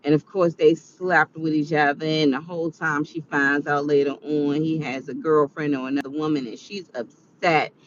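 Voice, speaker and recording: A woman's voice: low-pitched, level tone, moderate pace, few pauses, highs cut off, slight background noise. A woman in her forties giving earnest, preachy advice in a casual vlog monologue. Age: 40s. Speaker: vlogger.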